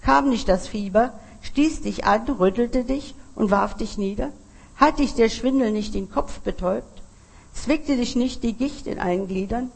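A woman's voice: fairly high pitch, a little slow, gravelly, breathy edge, full character voice. A woman voicing Death, a stern small dwarf, in a fairy tale she reads in a sermon. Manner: stern, commanding.

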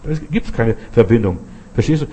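A man's voice: medium pitch, expressive, a little fast, warm tone, slight background noise. An older man preaching a Pentecostal sermon, emphatic, repeating phrases and often asking his listeners whether they understand.

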